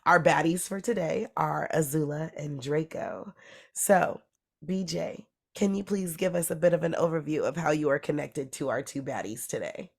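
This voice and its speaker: Female podcast host, a bit low-pitched, congested sick voice, chatty, home bedroom setup. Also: moderate pace, vocal fry. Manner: laughs between lines, chatty. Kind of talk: casual podcast chat.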